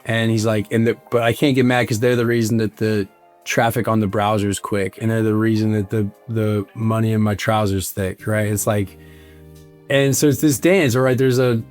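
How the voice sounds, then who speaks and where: A man, a musician, talking candidly in a studio interview, rambling and filling his talk with "like" and "right?", with bursts of high excited voices when he mimics fans. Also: normal speed, faint music behind. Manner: rambling, animated, full of "like" and "right?". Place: recording studio.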